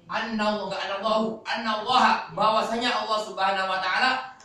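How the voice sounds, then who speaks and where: In a classroom lecture, a male Quran teacher explains things step by step and asks the class questions. His voice is high, bright and forceful, brisk with fairly even intonation, and it sounds distant in an echoey hall.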